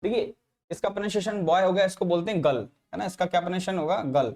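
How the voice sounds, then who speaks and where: A man's voice: high voice, racing, a little mellow. A man teaching a grammar lesson, repeating each example and checking in with frequent tag questions. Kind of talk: classroom lecture explaining English grammar.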